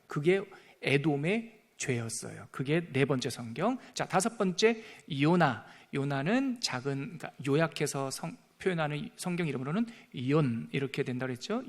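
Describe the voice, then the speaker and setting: Male pastor teaching a bible lesson, fairly high voice, playful, acts out the stories. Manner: lively, playful, acts out dialogue.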